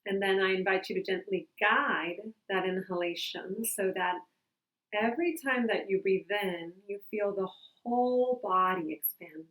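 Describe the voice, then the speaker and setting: A woman leading a calm grounding exercise as a meditation guide, speaking gently and unhurriedly with long pauses. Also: medium pitch. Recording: roomy, echoing sound.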